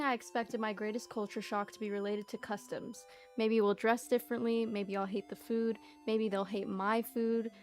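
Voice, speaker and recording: Chatty young woman streamer, faint music. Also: fairly high pitch. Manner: chatty, playful, filler-heavy. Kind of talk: casual livestream chat and reading aloud.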